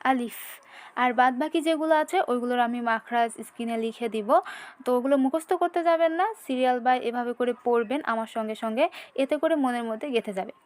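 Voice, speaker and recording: A woman's voice: fairly high pitch, quick pace. A woman teaching Quran letter pronunciation step by step, patiently repeating each sound for beginners to follow. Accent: Bangladeshi Bengali.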